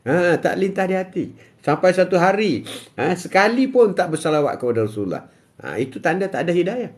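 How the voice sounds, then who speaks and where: A man's voice: high-pitched, very animated, fairly quick. An older man with a Malaysian Malay accent, hosting a live-streamed religious talk and answering viewer comments, repetitive and emphatic with frequent "ha" interjections. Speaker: host.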